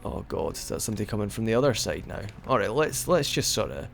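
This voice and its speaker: A man's voice: lowish voice, sing-song, fast, vocal fry, a bit bright, a little hiss or hum. A young man giving rambling, casual commentary over a game he is playing, hiccuping now and then. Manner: chatty and rambling, with frequent restarts. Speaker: let's play commentator.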